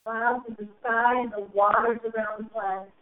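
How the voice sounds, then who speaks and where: A woman channeling a spiritual message to a group, speaking in slow, solemn, drawn-out phrases that swell and soar, heard over a phone call. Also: a little high, level tone. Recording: tinny phone line.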